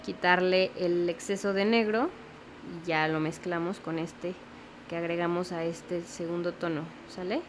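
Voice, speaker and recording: A woman's voice: on the low side, fairly even intonation, a little slow, noisy background. A young woman teaching a step-by-step watercolor lesson, patiently explaining and often checking in with the viewer. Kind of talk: step-by-step painting tutorial.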